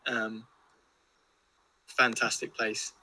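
A man's voice: fairly low pitch, little pitch movement, very slow, pushed and bright, rough recording. A man with an English accent chatting casually and telling rambling anecdotes with British slang.

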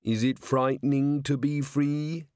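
A man voicing a literal-minded male clay golem constable who speaks in slow, measured, deliberate phrases. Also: mid-range voice, fairly even intonation, a little mellow, smooth, dry recording, studio quality, pitched above the performer's own voice, natural voice. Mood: earnest.

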